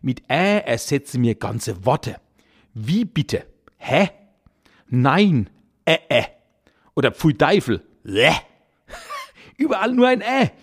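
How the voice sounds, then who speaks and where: A man's voice: on the high side, breathy edge. Direction playful Palatinate-accented cabaret man. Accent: Kurpfalz (Palatinate) German. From Kurpfalz region, Germany. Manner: playful, theatrical, exaggerated intonation, chuckling. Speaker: cabaret artist, podcast host. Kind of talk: comic dialect monologue.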